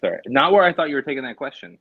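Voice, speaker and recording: A man chatting as a guest on a theatre show, joking and teasing with quick stories. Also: medium pitch, big pitch swings, husky. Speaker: guest, theatre committee member. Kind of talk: casual chat. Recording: dry, dull lo-fi sound.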